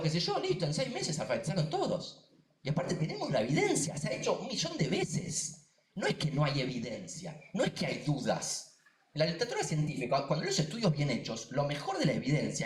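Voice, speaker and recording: A quick-talking man with a Rioplatense accent lectures at a seminar, his fairly high voice swinging widely as he hammers his points with repetitions and asides. The sound carries the echo of a roomy space. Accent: Rioplatense Spanish. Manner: emphatic, animated, quick, with many asides and repetitions. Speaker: neuroscientist and science communicator giving a talk. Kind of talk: lively seminar talk. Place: lecture room.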